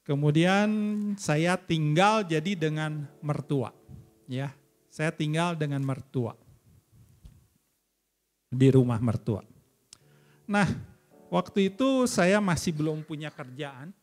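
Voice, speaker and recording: High-voiced man preaching a fervent testimony. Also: takes it slowly, long pauses. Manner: emotional storytelling, rising to fervent high peaks. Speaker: church elder preaching. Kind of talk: sermon with personal testimony.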